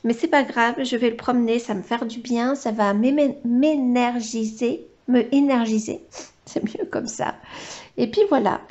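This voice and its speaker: A woman's voice: fairly high pitch, moderate pace, darkish tone, lo-fi sound. A woman vlogger chatting casually while she colors, hesitant and full of filler sounds, now and then cooing to her dog in baby talk. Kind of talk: casual coloring vlog chat.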